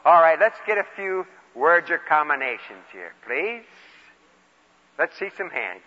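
A male preacher with a fairly high, very animated voice teaches in short, folksy phrases. He moves between questions and personal stories. Long hall reverb surrounds a slightly muffled recording. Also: a little slow. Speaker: preacher leading a Bible lesson. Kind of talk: interactive sermon with questions and personal storytelling.

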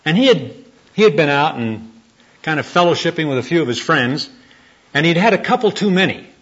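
Husky-voiced preacher telling a story. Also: male voice, on the high side, very animated, a little fast. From United States. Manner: folksy storyteller, gentle and earnest. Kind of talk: sermon with storytelling. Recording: dull lo-fi recording.

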